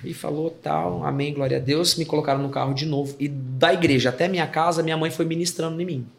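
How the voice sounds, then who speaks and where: A man with a Brazilian Portuguese accent, a worship pastor and podcast guest, telling a story in a casual, animated, slangy way and acting out the people in it. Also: a little high, fast talker, vocal fry. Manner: animated, acts out remembered dialogue in his story; slangy, informal. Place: podcast studio.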